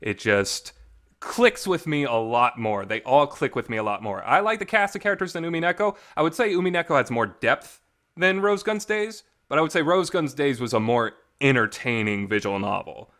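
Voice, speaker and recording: Very animated and enthusiastic, a man hosts a casual, rambling review of visual novels, speaking emphatically and often restarting his sentences. His voice is medium-pitched and fairly bright, at a moderate pace, recorded at home with lots of reverb.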